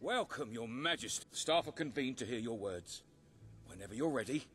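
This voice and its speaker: A man's voice: mid-range voice, expressive, moderate pace, fairly bright tone, soft background music, natural voice. A man playing a fussy, formal head servant of a royal castle in a video game. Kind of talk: video game character acting.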